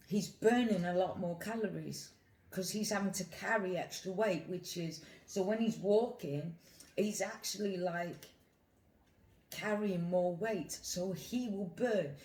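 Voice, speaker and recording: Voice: medium pitch, darkish tone. A British vlogger talking casually and giving opinions to camera, rambling and repeating phrases for emphasis. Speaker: mukbang vlogger. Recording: echoey room.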